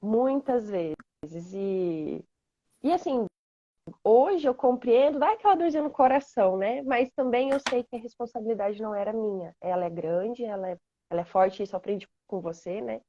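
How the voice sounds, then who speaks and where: A woman's voice: on the high side, animated, normal speed, mellow, dry recording, dull audio. A woman guest speaking reflectively and earnestly about family in a casual chat. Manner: reflective, earnest, many fillers.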